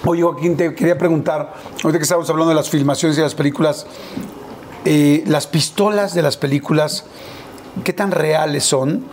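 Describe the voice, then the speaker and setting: A man's voice: on the high side, steady tone, moderate pace, a little mellow, slight background noise. A man hosting a casual interview, reacting briefly and asking direct questions. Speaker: interviewer, host.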